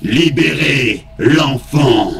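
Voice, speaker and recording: A man voicing a commanding, menacing demon lord in slow, solemn villain monologue for a tabletop game. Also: mid-range voice, lively intonation, gravelly, a bit bright, faint music behind, voice pushed up, exaggerated voice.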